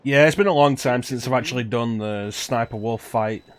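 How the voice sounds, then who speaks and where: A man with a mid-range voice offers casual commentary at a moderate pace while streaming a video game, with the game's music playing behind him.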